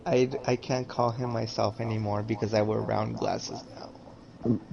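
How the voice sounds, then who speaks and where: A man's voice: lowish voice, level tone, measured pace, vocal fry, highs cut off, background noise. A man bantering sarcastically with friends while gaming over voice chat. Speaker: gamer in voice chat.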